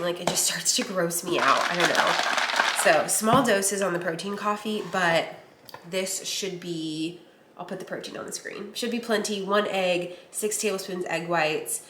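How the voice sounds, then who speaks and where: Heavy background noise surrounds a mid-range female voice at a normal pace. She's a young lifestyle vlogger recovering from a cold, which leaves her a bit nasal, and her casual vlog chatter wanders with lots of fillers.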